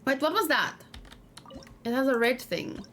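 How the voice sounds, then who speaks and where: A gaming livestream host with a high, slightly bright voice and lively intonation speaks at a measured pace. She chats casually as she plays, thinking aloud in short, musing fragments, while faint noise and keyboard typing fill the background.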